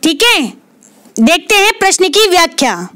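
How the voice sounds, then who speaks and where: A woman tutoring for an exam who takes her time, puts a question to herself, answers it and says the key word again. Her voice sits very high and lively, bright and tense. The sound is dry and close. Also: normal speed, no room sound. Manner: repeats key words, asks and answers her own questions. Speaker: Hindi literature exam tutor. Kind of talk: quiz explanation lesson.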